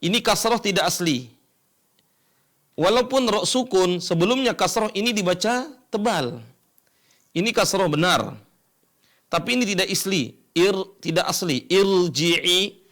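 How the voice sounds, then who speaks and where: A man teaching Quran recitation rules step by step, asking and answering his own questions and chanting examples slowly. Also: high-pitched, expressive, a bit bright. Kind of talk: educational lesson explaining tajwid rules.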